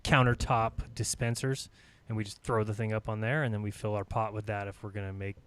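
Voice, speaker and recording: A man with a lowish, even voice and a clean tone talks a little quickly while hosting a live online panel chat. He's upbeat and chatty, laughs often, and sounds like he's losing his voice.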